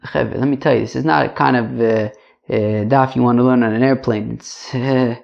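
A man's voice: medium pitch, fairly even intonation, brisk, creaky, muffled recording. A man teaching an informal religious lesson to a class, chatty, repeating phrases and checking in with rhetorical questions. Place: indoors.

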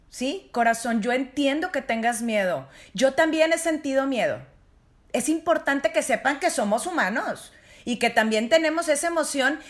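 Woman, middle-aged, high voice, parenting guest on a chat show. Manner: warm, explanatory, addresses parents directly. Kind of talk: casual advice talk.

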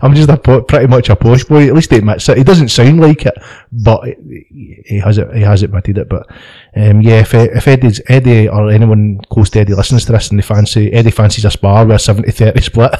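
Male podcast host, warm relaxed tone, loose sweary banter, frequent laughs. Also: fairly low pitch, brisk. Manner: laughs often, stumbling restarts, swears freely. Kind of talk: casual chat.

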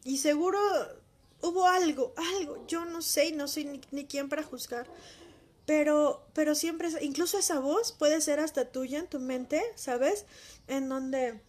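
A woman's voice: high voice, darkish tone, slight background noise. A woman sharing a heartfelt personal faith testimony, talking in an emotional, intimate way straight to the listener.

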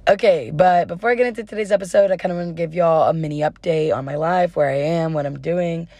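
A young adult woman hosts a casual solo podcast, talking fast in a warm, fairly low voice that sounds slightly worn, as if she's starting to lose it. She's informal, chatty and giggly, uses "y'all," and the recording has no room sound.

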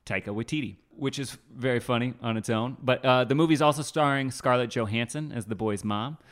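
Casting: guy co-hosting a movie podcast, mid pitch, stop-start delivery. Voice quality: halting, lots of fillers and restarts, laughs easily. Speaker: podcast co-host. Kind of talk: casual movie-review chat.

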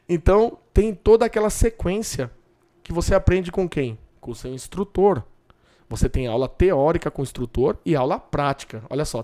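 A man with a slightly high voice talks through dog training step by step. He explains in a relaxed, chatty way and often circles back to repeat a point. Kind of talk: instructional talk.

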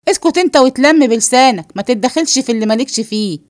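A woman voicing a brash, defiant young woman with an Egyptian accent, shouting and sharp-tongued in a read-aloud play. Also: high-pitched, expressive, rapid-fire, no echo, studio quality. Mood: scolding.

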